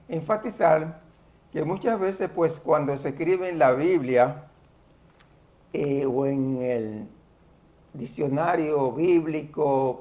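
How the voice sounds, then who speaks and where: Guy teaching bible study, kinda high voice, talks real slow, explains each word carefully. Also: darkish tone. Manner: deliberate, explains terms step by step.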